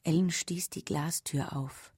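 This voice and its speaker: A woman reading a literary story aloud, softly and at times almost whispering. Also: low voice, fairly even intonation, breathy edge, no room sound, studio quality. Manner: slow, soft, sometimes near a whisper. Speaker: reader.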